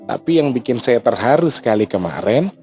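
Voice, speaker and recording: Animated man telling a story. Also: mid-range voice, a little fast, soft background music. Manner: animated, mixes in Javanese, frequent exclamations. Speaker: channel host. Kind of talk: casual storytelling vlog.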